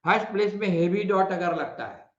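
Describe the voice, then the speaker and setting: A man with a Bihari Hindi accent teaching a shorthand lesson, patiently repeating vowel sounds and explaining slowly. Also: high voice. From India. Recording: muffled, echoey room.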